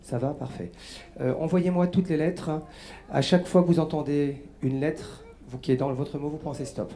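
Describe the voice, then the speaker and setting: A man's voice: a little high, fairly even intonation, moderate pace, dark tone. A man performing a live mind-reading demonstration as a radio guest, patiently guiding a volunteer and reciting letters one by one. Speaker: stage mentalist guest.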